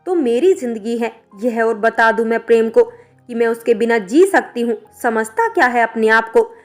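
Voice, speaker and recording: A woman voicing a headstrong young wife who shouts and argues defiantly. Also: a little high, expressive, normal speed, faint music behind, close to an everyday voice. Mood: furious.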